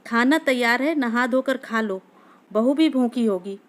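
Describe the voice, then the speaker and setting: A woman's voice: a little high, measured pace, lightly acted. A woman voicing a weary middle-aged village aunt who gives tired, curt replies.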